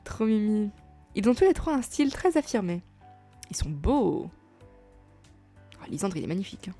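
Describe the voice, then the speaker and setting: A woman's voice: mid-range voice, very animated, quick pace, warm tone, faint music behind. A woman doing casual let's play commentary on a story game, chatty and gushing, with many fillers, reading text aloud.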